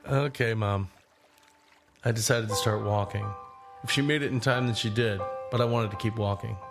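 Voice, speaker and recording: For an audio drama, a male actor voices a young long-distance walker recounting his journey in the first person, understated, introspective and reflective. His voice is lowish with vocal fry at a moderate pace, and a prominent music bed plays underneath.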